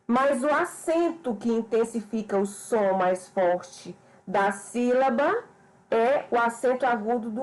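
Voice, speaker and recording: Brazilian woman teacher, slow and patient, slightly high voice, explaining the lesson to the class. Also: poor audio. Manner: slow, explanatory, addresses students as "pessoal". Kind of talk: remote school lesson.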